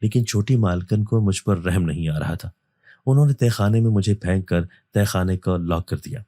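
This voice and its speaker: A man reading a first-person horror story as a storyteller, in a steady, even manner. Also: low-pitched, dry recording, clean studio sound. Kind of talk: scripted narration of a horror story.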